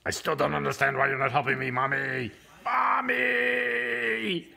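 A man voicing a furious baby with a deep, gravelly voice. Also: steady tone, unhurried, heavily acted. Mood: yelling for mom. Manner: indignant, whiny complaining. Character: angry baby boy with a deep man's voice. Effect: deep gravelly voice dubbed over a baby. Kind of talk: comedy voice-over dub. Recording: voice-over with loud music behind.

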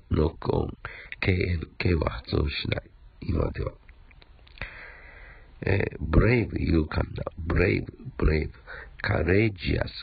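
A man's voice: low-pitched, creaky, husky, highs cut off. A man with a Japanese accent teaching an English vocabulary lesson, repeating words and spelling them out letter by letter.

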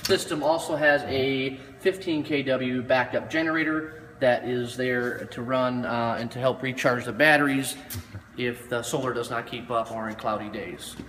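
A man's voice: mid-range voice, fairly even intonation, moderate pace, a bit bright, in a large hall, a little hiss or hum. A man in his thirties, a solar installer, plainly walking through an off-grid battery and inverter system, with some fillers. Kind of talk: equipment walkthrough. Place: metal-walled pole barn.

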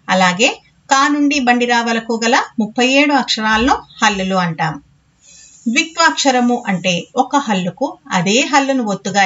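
A woman's voice: a little high, a bit bright. Patient woman teaching Telugu grammar. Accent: Telangana Telugu. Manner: slow, patient, repeating words for children. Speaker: primary school Telugu teacher. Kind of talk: classroom lesson explanation. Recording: slightly dull lo-fi audio.

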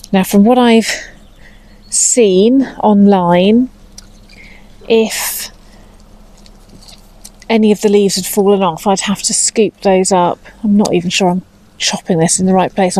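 A vlogger in her fifties with an English accent chats casually to camera while pruning in her outdoor cottage garden, wearing a lapel mic and seeming a bit anxious. Her medium-pitched voice has a darkish tone, and the audio is poor.

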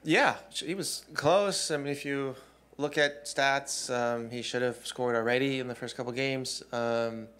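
Measured man answering press questions. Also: medium pitch, fairly bright tone. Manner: measured, thoughtful answers with many ums. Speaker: head coach. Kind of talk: postgame press conference. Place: press room. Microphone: desk mic on stand.

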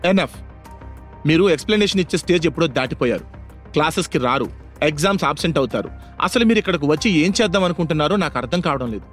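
A man's voice: on the high side, animated, racing, fairly bright tone, soft background music. A man voicing a strict young female senior student who teaches the class, speaking seriously and sternly.

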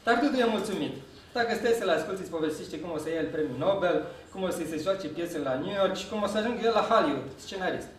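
A man giving a live reading of his poetry to an audience, in a dry, deadpan manner. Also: high voice, slight background noise. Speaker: poet reading his work. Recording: very echoey hall, voice from far off.

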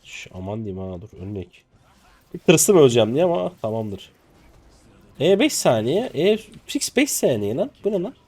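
A man in his twenties from Turkey, commenting live on his own game play, excitable and jokey, with casual swearing and sudden high yelps. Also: normal speed. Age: 20s. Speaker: streamer.

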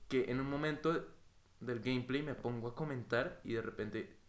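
A young man with a Colombian Spanish accent giving excitable Minecraft gameplay commentary, swearing and yelping at mishaps. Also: medium pitch, normal speed. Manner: excitable, swears, bursts into yelps. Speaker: gaming youtuber. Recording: bright roomy home mic with faint noise.

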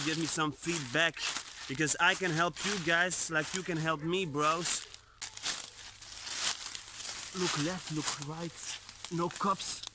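A man in his twenties vlogs about urban exploration, chatting slangily to camera and calling his viewers bros. He's outdoors in the woods beside an abandoned building, recording on a phone held out on a selfie stick at arm's length. His voice sits on the high side, and the background is noisy.

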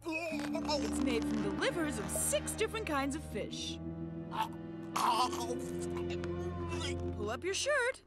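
A woman's voice: high voice, big pitch swings, unhurried. A woman voicing a doting but bossy suburban mom and wife in a cartoon. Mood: sweet, doting. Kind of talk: animated cartoon voice acting. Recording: music behind the voice.

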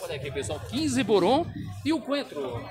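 A man's voice: high voice, normal speed, a crowd in the background. Chatty Northeastern Brazilian man at a market. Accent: Northeastern Brazilian Portuguese. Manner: lively, chatty, laughs often, calls out prices. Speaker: vlogger touring a street market. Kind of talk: casual market walk-around vlog. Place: outdoor street market.

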